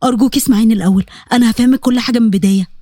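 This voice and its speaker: A woman with an Egyptian accent voicing a remorseful young man who pleads and confesses softly. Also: on the high side, very fast, no echo, studio quality, natural voice. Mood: pleading. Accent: Egyptian Arabic. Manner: soft, earnest, confessional.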